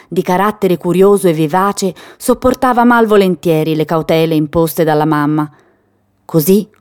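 Woman calmly reading a storybook. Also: fairly low pitch. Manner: calm, measured storytelling. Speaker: narrator. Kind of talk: storybook narration.

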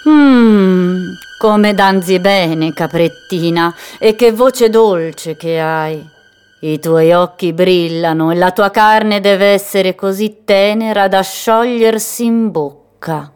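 Woman putting on a nasal storybook hyena, sly, smug, menacing, drawn-out syllables. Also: medium pitch, darkish tone, clean tone, close to an everyday voice. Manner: slow, drawn-out, purring speech. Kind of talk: storybook reading.

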